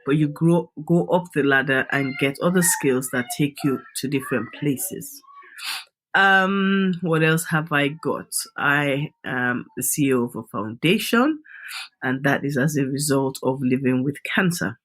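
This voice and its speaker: A woman's voice: a bass voice, expressive, unhurried, fairly bright tone. A middle-aged Nigerian woman with a Nigerian accent, a guest on a podcast interview who talks emphatically and repeats her key phrases.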